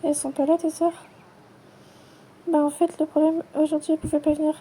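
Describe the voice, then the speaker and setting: A woman acting out a playful toy role-play, switching quickly between many characters in chatty everyday dialogue. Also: sits high, level tone, mellow. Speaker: channel creator voicing every character.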